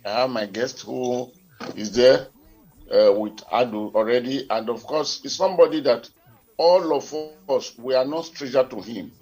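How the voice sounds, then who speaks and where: A man's voice: mid-range voice, moderate pace, a little mellow, soft background music. A Nigerian man co-hosting a radio current affairs show, heard over a telephone line, talking in a formal, wordy and digressive way. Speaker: radio talk show co-host.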